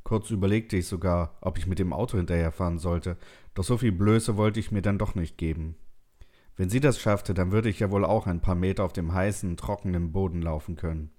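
A man with a lowish voice reads a story in first person. He keeps a calm, measured pace through the narration. The reading is steady and even.

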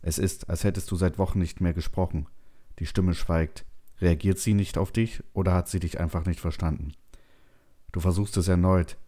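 A man narrating a second-person science fiction story in a slow, tense, measured way. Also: deep voice, fairly even intonation, warm tone.

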